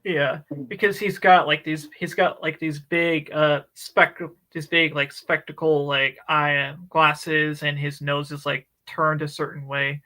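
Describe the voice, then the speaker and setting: A man's voice: fairly high pitch, measured pace, hardly any pauses, poor audio. A man co-hosting a book club stream, retelling a story in casual chat with lots of fillers. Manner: animated, chatty retelling with many fillers. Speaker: book club podcast co-host.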